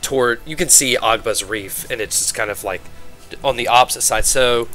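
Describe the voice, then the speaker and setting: Male game master, bright forceful voice, casual tabletop narration, music underneath. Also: mid-range voice, normal speed.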